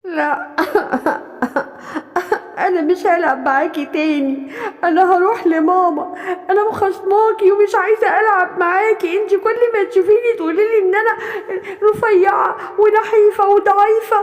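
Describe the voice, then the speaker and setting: A woman's voice: extremely high pitch, fairly even intonation, moderate pace, long reverb tail, distant mic, voice pushed up. A woman with an Egyptian accent voicing a thin, sensitive young female goat in a children's cartoon story, with a plaintive voice close to tears. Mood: hurt. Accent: Egyptian Arabic.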